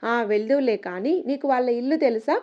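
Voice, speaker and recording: A woman's voice: a little high, fairly quick, a little mellow, natural voice. A woman voicing an affectionate, teasing older village grandmother in a storybook reading, on a muffled lo-fi recording. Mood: homely.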